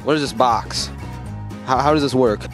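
Goofy loud cowboy reporter played by a teen boy, school hallway, handheld mic, music bed. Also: mid-range voice, normal speed. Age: teens. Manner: loud, exaggerated cowboy drawl with yeehaws. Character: goofy cowboy reporter, male, teen, hunting his horse. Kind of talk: comic hallway skit.

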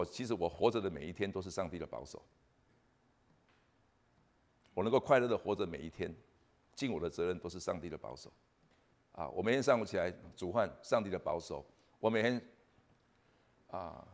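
A man with a Taiwanese Mandarin accent gives a Christmas sermon at a church service in a soft, low voice. He speaks haltingly, repeats words, and fills pauses with frequent "ah" sounds.

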